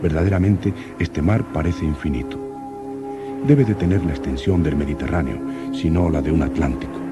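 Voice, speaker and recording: An actor playing an earnest, curious young explorer who narrates his expedition diary like an old radio serial announcer, in formal, measured diction. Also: a bass voice. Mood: earnest narration. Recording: old radio drama with music.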